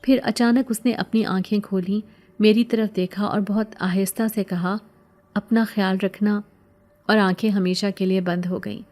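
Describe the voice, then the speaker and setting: A woman narrating a scripted horror story in a steady, solemn first-person voice. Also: mid-range voice.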